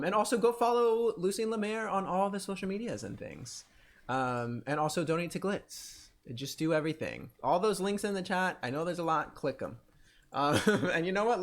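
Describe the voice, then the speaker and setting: A man hosting a casual livestream, chatty and giggly, laughing often as he reacts to music videos. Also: a little high. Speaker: livestream show host.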